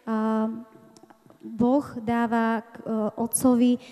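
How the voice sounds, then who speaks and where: A woman interpreting a testimony live in a large hall, hesitant and filling pauses while she searches for words. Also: a little high, level tone, dark tone.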